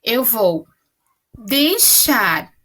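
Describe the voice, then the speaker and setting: A woman's voice: a little high, sing-song, pushed and bright. A woman teacher, giving a patient spelling lesson to children and often checking that they follow. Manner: patient, explaining, checks understanding with tag questions; slows down to spell out words.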